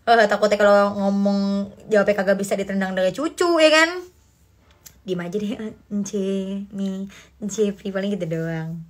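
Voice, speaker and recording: A woman's voice: mid-range voice, moderate pace. Chatty young Indonesian woman livestreaming. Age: young adult. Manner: chatty, animated, mixes in slang and English. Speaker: livestream host reading comments. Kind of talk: casual livestream chat.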